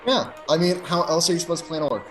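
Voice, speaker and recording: A man's voice: a little high, very fast, faint music behind. A man playing in a tabletop game, talking in a playful, jokey way. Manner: playful, jokey, often laughing. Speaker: player. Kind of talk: casual tabletop play.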